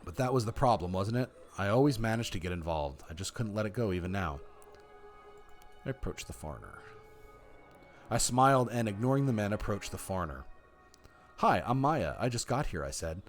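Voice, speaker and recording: Male streamer, low and lively, narrating a story game and saying which options he picks. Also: fairly quick, faint music behind. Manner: reads game text and announces his choices. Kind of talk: reading a story game aloud.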